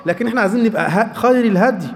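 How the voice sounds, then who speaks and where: Brisk, high-voiced Egyptian man teaching. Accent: Egyptian Arabic. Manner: emphatic, animated, acts out quoted speech. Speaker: religious teacher. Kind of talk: lecture on hadith. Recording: reverberant hall.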